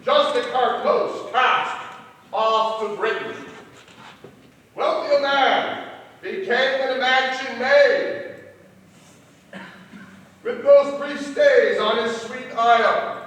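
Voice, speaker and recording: A man delivering a ceremonious, declamatory town crier proclamation in drawn-out phrases. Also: very high voice, fairly bright tone, slight background noise. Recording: very echoey hall, distant microphone, audience.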